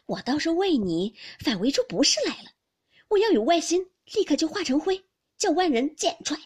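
A woman's voice: high-pitched, big pitch swings, normal speed, darkish tone, pitched above the performer's own voice. A woman reading a classic novel aloud, voicing an earnest young nobleman who pleads anxiously with his cousins.

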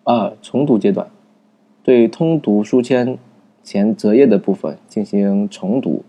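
A man talking through a book's reading method in a casual, unscripted way, pausing often with fillers and restarting his sentences. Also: lowish voice, dark tone. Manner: thinking aloud with many fillers and restarts. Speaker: book review narrator. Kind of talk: casual spoken book summary.

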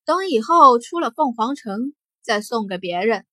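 A woman's voice: fairly high pitch, expressive, measured pace, fairly bright tone, no room sound. A woman voicing a wry, self-reliant young male cultivator who talks in a cool, teasing way in an audiobook. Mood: calm.

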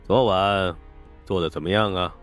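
A man voicing an older gambling-house boss in an audiobook, gruff, slow and domineering. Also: deep voice, fairly even intonation, faint music behind, voice pushed down, natural voice. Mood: languid. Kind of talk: audiobook character voice.

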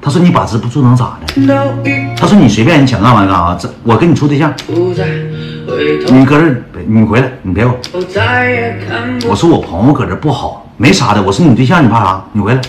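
A man rattles off a personal story at a quick clip, his pitch bouncing all over. His talk is slangy and rambling, and he keeps calling his listeners brothers. The room is echoey, with guitar music clearly playing behind him. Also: big pitch swings.

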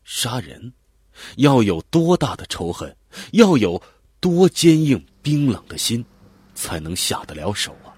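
A man's voice: mid-range voice, very animated, measured pace, a little mellow, husky, no room sound, clean studio sound. A man narrating a dramatic audiobook, telling the story vividly and expressively. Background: faint background music.

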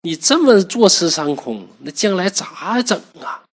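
A man's voice: high-pitched, big pitch swings, a little slow, voice pushed up, full character voice. A man voicing a kindly old female fox spirit who sighs and coaxes in a storybook tale. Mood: sighing. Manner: sighing, coaxing.

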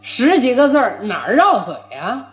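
A man's voice: very high-pitched, huge pitch swings, moderate pace. A man performing as the boastful partner in a crosstalk comedy routine, rattling off tongue twisters at speed. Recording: old roomy lo-fi recording.

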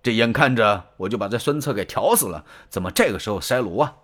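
A man's voice: lowish voice, animated, fast talker, fairly bright tone. A man voicing a self-assured young warrior who scoffs at his rivals, in a traditional storytelling performance. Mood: indignant.

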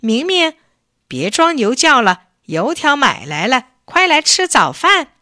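A woman's voice: high voice, very animated, unhurried, sharp tone, no room sound, clean studio sound, voice pushed up, exaggerated voice. A woman voicing a grandmother calling her grandson to breakfast and chiding him, in a children's story. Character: kindly scolding grandmother.

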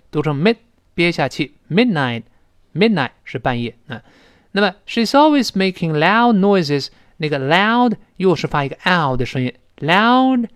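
A man teaching an English lesson, explaining pronunciation step by step, slowly repeating example words and asking his listeners rhetorical questions. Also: fairly high pitch, no room sound, studio quality. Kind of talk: recorded language lesson.

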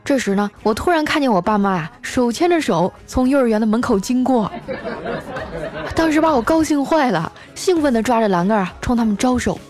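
A woman hosting a show, telling comic stories about her life in a chatty way, with lots of drawn-out filler particles. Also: fairly high pitch, expressive, a little mellow, a faint crowd. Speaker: host. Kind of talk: scripted comic storytelling.

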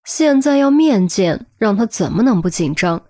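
A woman reads a serialized web novel aloud. She narrates in a steady, even storytelling manner, keeping a mid-range pitch. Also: moderate pace, dry recording, clean studio sound. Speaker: audiobook narrator.

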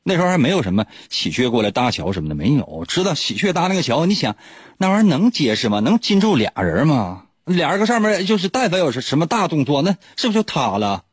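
A man's voice: a little high, big pitch swings, fast, slightly rough, dry recording. A man, a radio host telling a legend in a teasing, joking way, chuckling often. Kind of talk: joking storytelling. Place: radio studio.

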